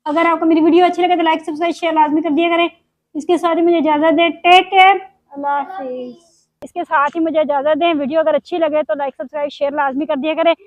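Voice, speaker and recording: This high-pitched woman's voice belongs to a middle-aged vlogger from Pakistan. She has a sore throat and chats informally with her viewers, grumbling and sharing confidences. The sound is dry, echo-free, and tinny like a phone.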